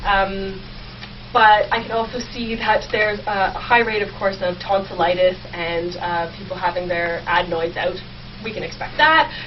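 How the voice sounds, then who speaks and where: A young woman, a history PhD student appearing as an interview guest, explains her research with conversational enthusiasm. Her medium-pitched voice holds a steady tone at normal speed, though the recording sounds distant, dull and clearly noisy.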